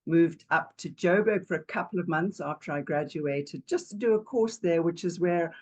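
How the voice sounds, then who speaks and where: A woman's voice: fairly low pitch, moderate pace, poor audio. A woman in her sixties from Zambia, a yoga teacher telling her life story as an interview guest in a chatty, wandering way, sometimes searching for words. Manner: chatty and digressive, warm laughs, searches for words.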